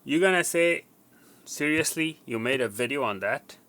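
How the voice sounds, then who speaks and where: There's a little hiss or hum as a man with an expressive, mid-range, slightly bright voice walks through a casual tech repair how-to at a moderate pace. Unscripted and conversational, he repeats words for emphasis.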